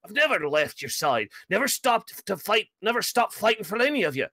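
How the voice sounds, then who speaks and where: A man's voice: sits high, very animated, fairly quick, vocal fry, bright, forceful tone, dry recording, studio quality, heavily acted. A man voicing an earnest, stubborn dwarf fighter in a tabletop game, speaking emphatically and repeating himself like an orator. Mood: indignant.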